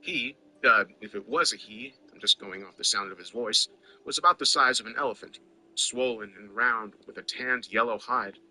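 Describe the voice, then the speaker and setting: A man's voice: mid-range voice, normal speed, bright, forceful tone, poor audio. A man narrating a scripted first-person story in a wry, conversational way.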